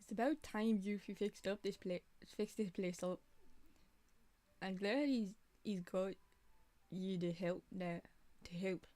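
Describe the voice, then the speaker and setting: A woman voicing a thrifty older male cartoon duck businessman, reading his lines in a loud, bossy, businesslike way. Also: medium pitch, a little slow, pauses often, no echo, lightly acted.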